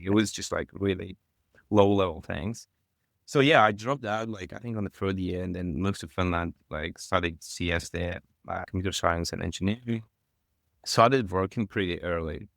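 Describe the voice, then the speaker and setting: A man's voice: deep voice, a bit bright, dry recording, clean studio sound. A middle-aged man from Kazakhstan, a podcast guest telling his career story in a loose, rambling way full of "like". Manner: rambling, heavy use of "like". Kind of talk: casual interview talk.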